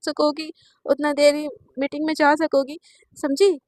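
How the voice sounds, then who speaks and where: A woman's voice: high-pitched, little pitch movement, unhurried, darkish tone, no echo. A woman voicing a stubborn young woman who gives blunt, bossy orders to a colleague.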